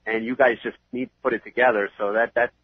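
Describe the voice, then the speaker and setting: A man's voice: medium pitch, level tone, fast, breathy edge, dry recording. A man in his fifties with a New York accent and a head cold, chatting as an interview guest over a phone line. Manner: chatty, rambling with fillers.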